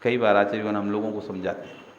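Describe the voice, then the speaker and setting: A man, a Jain monk, giving a sermon that swings between acted-out shouted scolding and soft, gentle advice. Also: fairly low pitch, flat delivery, muffled recording. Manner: acts out scolding and gentle voices in quick swings. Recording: long hall reverb.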